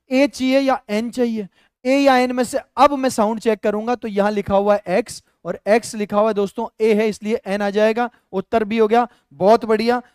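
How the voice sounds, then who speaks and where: A man's voice: extremely high pitch, a little mellow, smooth, no room sound, studio quality. A male teacher with a Rajasthani Hindi accent, explaining grammar step by step in a live online lesson and talking to viewers as friends.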